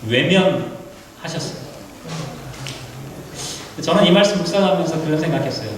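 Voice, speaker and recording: Brief: man, pastor, lively sermon delivery, voice sits high, very echoey hall, distant mic. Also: normal speed. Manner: animated, rhetorical questions, vivid retelling. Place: church sanctuary. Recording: echoey hall, mic from afar, faint hiss.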